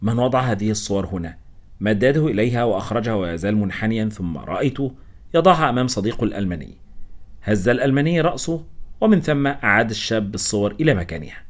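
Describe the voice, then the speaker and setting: A man narrating a first-person story as a scripted audiobook reading, with a steady storytelling manner. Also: lowish voice, rapid-fire.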